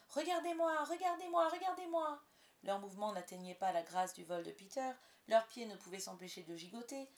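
A woman reads a storybook aloud as the narrator, with an expressive storytelling manner. Her voice sits at a middle pitch for a woman. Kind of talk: audiobook narration.

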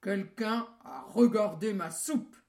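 A huge gruff papa bear from a storybook, as a woman puts him on, bellowing slowly and loudly in a big booming voice. The words are drawn out, heavy and deliberate. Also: expressive. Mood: indignant. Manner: slow, loud bellowing.

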